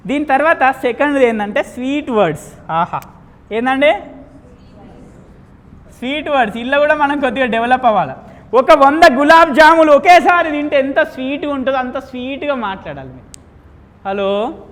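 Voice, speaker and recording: A man leading a real estate sales training seminar, quizzing the audience and acting out little dialogues as he teaches. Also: very high voice. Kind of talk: live training seminar lecture. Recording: long hall reverb.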